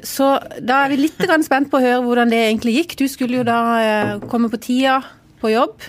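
A woman's voice: on the high side, steady tone, slight background noise. A woman co-hosting a podcast, asking questions in a casual way with brief hesitations. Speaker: podcast co-host. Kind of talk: casual interview chat.

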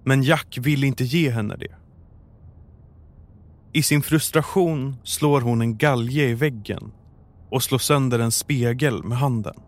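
A man narrating a true crime story in a calm, measured, scripted way. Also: mid-range voice.

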